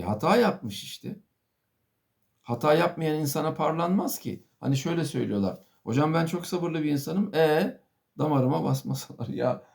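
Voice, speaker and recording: Middle-aged prof talking to camera, gravelly dark voice, swings his pitch around, lots of rhetorical questions. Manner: asks many rhetorical questions and addresses listeners as dear friends; fills pauses with a formal "efendim". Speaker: professor giving a video talk. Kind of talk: spoken monologue lecture to viewers.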